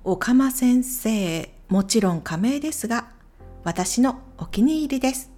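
A woman hosting a solo podcast, talking clearly and unhurriedly, with soft whispered asides. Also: on the high side, expressive, unhurried, soft background music. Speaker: podcast host. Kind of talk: scripted solo podcast recommending YouTube channels.

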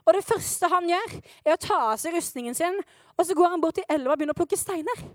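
Woman youth preacher, high voice, dry close sound, playful, animated storytelling sermon. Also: no echo. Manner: animated, playful, asks the audience questions, acts out the characters. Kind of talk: lively youth sermon retelling a Bible story.

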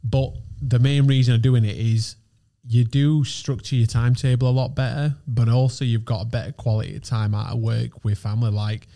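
A man's voice: mid-range voice, level tone, fairly quick, gravelly, few pauses, mellow. A man in his thirties, an agency founder, talking as a podcast guest in a chatty, rambling way. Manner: chatty, rambling, lots of "like" and restarts. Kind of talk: casual podcast chat.

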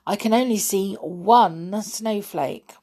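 A woman reading as a calm, upbeat young girl. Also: medium pitch, slow pace, breathy edge. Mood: reassuring.

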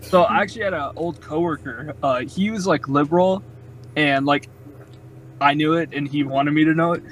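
This young male podcast co-host has a fairly high voice and talks at a normal speed. He rambles through a casual chat, leaning heavily on "like" and other fillers, over slight background noise in a low-quality recording.

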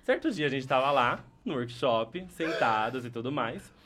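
Campy, playful Brazilian podcast host. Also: male voice, medium pitch, animated, normal speed, noisy background. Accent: Brazilian Portuguese. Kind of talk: casual podcast chat.

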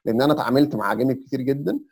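A young adult Egyptian man with an Egyptian Arabic accent appears as a podcast guest, explaining advice step by step in a casual chat and sprinkling in English terms. His medium-pitched voice is husky and a little mellow, and he speaks at a racing pace.

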